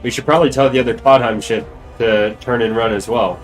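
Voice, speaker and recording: A man's voice: mid-range voice, fairly even intonation, a little fast, soft background music. A man playing a tabletop role-playing game, talking casually through plans with the group.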